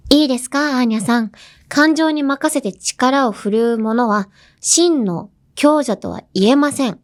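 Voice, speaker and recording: A woman reading the lines of a polite, composed young woman gently lecturing a little girl, formal and gentle. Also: sits high, a little slow.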